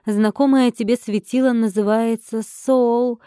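A woman reading an audiobook and voicing a cold, commanding male mage lord who speaks in a calm, businesslike way. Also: on the high side, unhurried, no echo, clean studio sound, close to an everyday voice.

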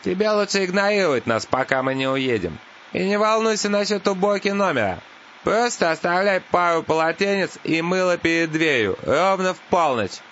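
A man's voice: sits high, animated, normal speed, a bit bright, a little hiss or hum, pitched above the performer's own voice. A man voicing a scheming male lawyer who talks in a sly, coaxing way. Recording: dull lo-fi audiobook.

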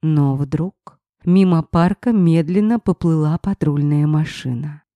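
A woman reading a first-person story aloud with expressive storytelling. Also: deep voice, measured pace, no echo. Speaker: audiobook narrator.

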